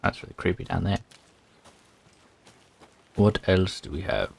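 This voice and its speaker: A man's voice: sits low, big pitch swings, measured pace, gravelly, slightly rough. A man casually commenting while playing a horror video game, muttering his thoughts aloud with a wry edge. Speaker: gaming channel host. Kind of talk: casual let's-play commentary.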